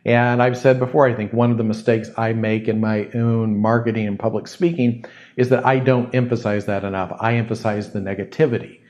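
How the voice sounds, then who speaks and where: A man's voice: fairly low pitch, fairly even intonation, brisk, darkish tone. A man hosting a solo podcast, answering a listener's question in a thoughtful, reflective way and often repeating words as he thinks. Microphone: studio microphone close to the mouth.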